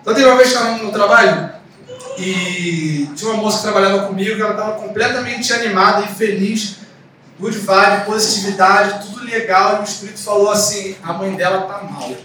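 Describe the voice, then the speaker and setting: A young man delivers a teaching sermon in a high voice, telling a story with animated energy and repeating key words. He sits well back from the mic in a hall with a strong echo, and a faint hiss sits behind his voice. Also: a little fast. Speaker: preacher. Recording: echoey room from a distance.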